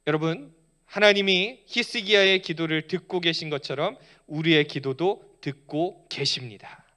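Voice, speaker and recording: A man's voice: on the high side, a little slow, pushed and bright. A male pastor preaching a Friday night sermon in a church, appealing to his congregation with rhetorical questions and earnest, emotive pleas. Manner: pleading, emotive preaching with rising intensity. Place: church sanctuary.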